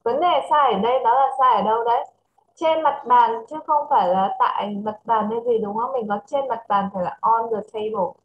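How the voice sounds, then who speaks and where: A woman with a Vietnamese accent teaching English to a child over a video call, switching between English and Vietnamese and reading English phrases slowly. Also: fairly high pitch, slight background noise, rough recording. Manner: mixes English and Vietnamese, slow careful English. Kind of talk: online English lesson for a child.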